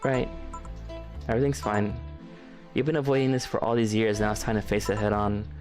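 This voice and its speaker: A man's voice: on the low side, steady tone, fairly quick, over music. A man hosting a gaming video, reading a visual novel aloud in an earnest, emotional way.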